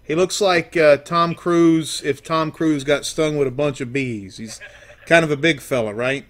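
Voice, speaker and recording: A man acting as a down-on-his-luck absent father on a prank call. His voice sits a little high for a man. He rambles and halts, stumbling over ums and uhs as he goes. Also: unhurried, lightly acted. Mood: pleading, rambling. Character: estranged, down-on-his-luck father, washed-up rock musician. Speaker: prank caller.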